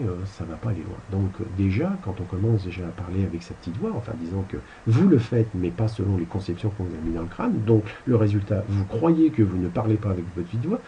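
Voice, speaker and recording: A man's voice: fairly low pitch, big pitch swings, brisk, hardly any pauses, lo-fi sound, a little hiss or hum. A man giving a casual spiritual lecture over slides, rambling and colloquial, with crude asides. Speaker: spiritual teacher.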